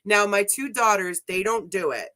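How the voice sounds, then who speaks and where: A woman in her forties, a ghost hunter guest, telling lively stories in casual chat, laughing often and saying "like" a lot. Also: mid-range voice, moderate pace, a crowd in the background. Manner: animated storyteller, laughs often, says like a lot.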